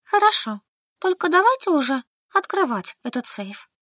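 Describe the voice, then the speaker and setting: Woman doing a shrill pushy young girl. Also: sing-song, a little fast, fairly bright tone, dry recording, studio quality. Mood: whiny. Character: excitable, bossy young woman, pushy and squeaky. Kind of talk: audiobook character reading.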